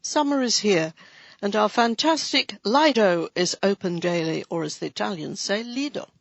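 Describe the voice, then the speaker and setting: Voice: medium pitch, moderate pace, vocal fry, dry recording. A reader giving a scripted, light-hearted reading of a local council magazine, with playful asides. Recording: dry, dull lo-fi recording.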